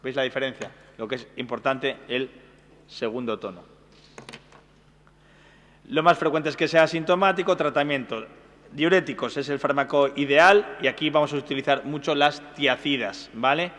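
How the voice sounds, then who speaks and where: Male medical lecturer, brisk and instructive, in a reverberant hall. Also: medium pitch, fairly bright tone. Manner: brisk, checking in with listeners. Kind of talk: exam-prep medical lecture.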